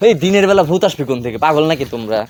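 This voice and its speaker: A man, filming outdoors and calling out excited, half-joking warnings. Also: fairly high pitch, rapid-fire, crowd noise. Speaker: vlogger filming a rooftop "ghost". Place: village yard outdoors, in daytime. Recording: noisy outdoor phone recording.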